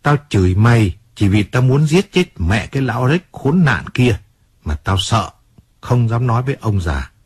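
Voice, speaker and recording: A man's voice: medium pitch, sing-song, moderate pace, slightly rough, dry recording. A male audiobook narrator voicing Johnny, a 35-year-old fading singer who is drunk, bitter and full of self-pity. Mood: remorseful. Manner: remorseful, self-pitying outbursts. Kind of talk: audiobook character reading.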